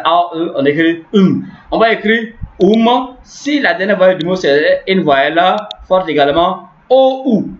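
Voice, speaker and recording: Repetitive man teaching grammar, echoey. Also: high voice. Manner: repetitive, explaining step by step with frequent "n'est-ce pas". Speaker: language teacher. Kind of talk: online grammar lesson. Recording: echoey room, dull lo-fi sound.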